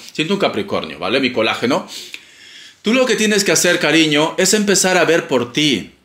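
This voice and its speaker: Fairly high in pitch and fairly bright in tone, a man gives a casual tarot reading monologue in an echoey room. His manner is playful, teasing and theatrical, and he addresses the listener as darling.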